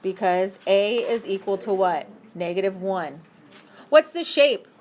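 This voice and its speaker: A woman teaching a math class, brisk and upbeat, asking her students questions as she works through problems. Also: mid-range voice, lively intonation, darkish tone. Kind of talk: classroom lesson.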